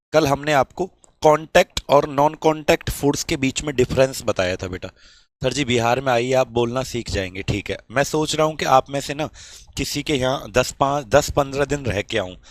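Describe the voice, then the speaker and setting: A man's voice: medium pitch, no echo. Chatty male Hindi science teacher. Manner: chatty, reads student comments aloud, calls students beta. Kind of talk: live online class.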